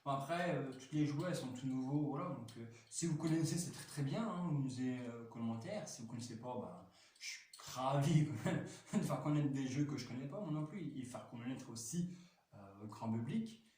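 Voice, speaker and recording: A man's voice: mid-range voice, lively intonation, moderate pace, darkish tone. A man chatting casually while reviewing a toy, rambling with lots of fillers and restarts, enthusiastic. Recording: very echoey room, mic at a distance, faint noise.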